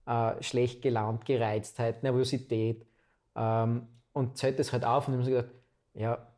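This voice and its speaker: A man's voice: mid-range voice, normal speed. A man in his twenties with an Austrian accent, telling his own story as a guest in a casual, chatty interview. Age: 20s. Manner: chatty, relaxed anecdotal storytelling.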